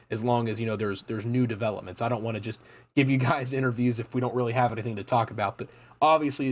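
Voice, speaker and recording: A man hosting a casual interview, rambling and repeating words as he frames long questions. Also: on the low side. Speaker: interview host, streamer.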